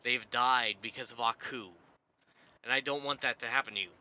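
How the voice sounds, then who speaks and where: A man voicing a grieving, protective young samurai in a quiet, earnest, lowered delivery. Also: fairly even intonation, normal speed, dull audio. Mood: solemn.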